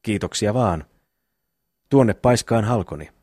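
Blunt hotheaded big brother from the farm, low husky voice, as a man reads him. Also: expressive, a little mellow, dry recording, studio quality. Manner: blunt, quick to threaten. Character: hot-tempered eldest peasant brother, blunt.

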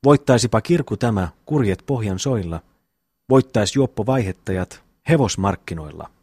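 A cheeky young brother rattles off a long mocking rhyme in a bouncing sing-song beat, read by a man. The voice sits low and a little husky. It is heard dry and close in an audiobook. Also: expressive, a little mellow, no echo. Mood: teasing, rhythmic. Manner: rhythmic sing-song recitation of rhyming verses. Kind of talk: audiobook reading.

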